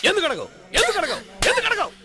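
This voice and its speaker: Panicky father, pleading and scolding, high lively fast voice. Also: background noise. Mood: exasperated. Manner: pleading, exasperated. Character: flustered middle-aged father, anxious and pleading. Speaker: film character, father. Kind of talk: Telugu film dialogue.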